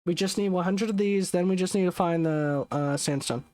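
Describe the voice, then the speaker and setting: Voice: medium pitch, normal speed, a little mellow, no echo. Rambling, swearing game streamer, dry close sound. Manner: rambling, self-correcting, swears casually. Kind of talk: casual live gameplay commentary.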